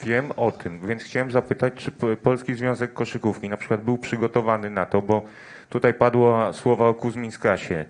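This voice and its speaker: A man's voice: medium pitch, fairly even intonation, moderate pace. A male sports journalist asking persistent follow-up questions at a press conference.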